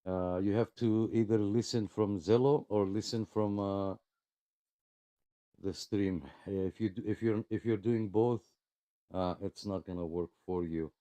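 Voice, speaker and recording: A man with a lowish, dark voice speaks in a steady, unhurried way on a dry recording. He casually hosts a live check-in net for a CB radio club, friendly and polite but with plenty of hesitations.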